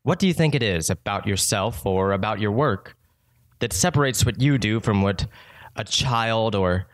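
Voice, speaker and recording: A man hosting a comedic radio interview, deadpan, with dry, formal phrasing. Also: on the low side, normal speed, dry recording. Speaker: radio host.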